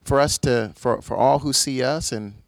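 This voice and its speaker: A man's voice: medium pitch, normal speed, no echo. A man hosting a conversation on faith, affirming his guest and reflecting aloud with frequent restarts. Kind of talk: conversational talk on faith and society.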